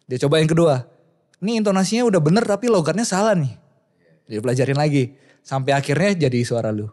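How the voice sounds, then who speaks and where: A man's voice: fairly high pitch, expressive, quick pace, a little mellow. A young man, a content creator, explaining things patiently step by step in a casual chat.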